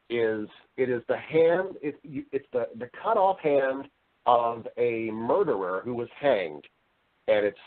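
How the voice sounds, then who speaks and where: This interview guest is a voice-over artist and actor with a mid-range voice, heard through narrow, tinny audio. He keeps things casual and wry, often restarting and rephrasing his sentences with self-deprecating humour.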